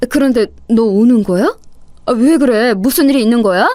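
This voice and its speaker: A woman voicing an older man, a gentle, worried father in an audiobook story, with a soothing, concerned manner. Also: fairly high pitch, normal speed, dry recording, close to an everyday voice.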